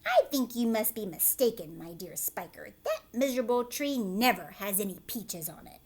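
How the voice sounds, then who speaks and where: A woman voicing a greedy, scornful, bossy older aunt in a children's story, loud and disbelieving. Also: medium pitch, big pitch swings, moderate pace.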